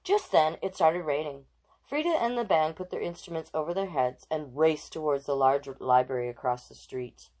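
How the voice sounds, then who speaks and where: Her voice sits low and moves at a normal speed, captured on a low-quality recording. This storytime host and drag king reads a picture book for kids with lots of expression, talking casually to viewers between passages.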